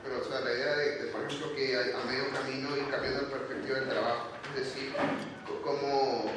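A man's voice: mid-range voice, little pitch movement, a little fast. A man asking a long question in class, hesitant and restarting his words often. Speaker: student. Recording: echoey room, distant mic, noisy.

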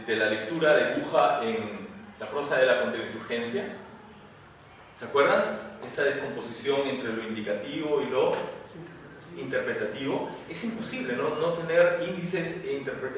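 A man's voice: mid-range voice, bright, forceful tone, slight background noise. A man giving a university lecture in a conversational way, often tagging questions to his students. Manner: conversational, rhetorical tag questions. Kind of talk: classroom lecture. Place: classroom. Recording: echoey room, distant mic.

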